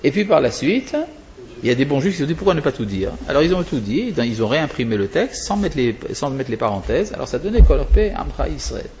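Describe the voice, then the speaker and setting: A man's voice: mid-range voice, very animated, fairly quick, a little mellow, muffled recording, slight background noise. A male religious teacher explaining prayer to students, wandering off topic and answering his own questions.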